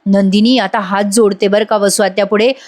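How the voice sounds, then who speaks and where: A woman's voice: mid-range voice, steady tone, moderate pace, darkish tone. A woman giving a dramatic voice-over recap of a TV serial, exclaiming often and speaking straight to her viewers. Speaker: TV serial reviewer.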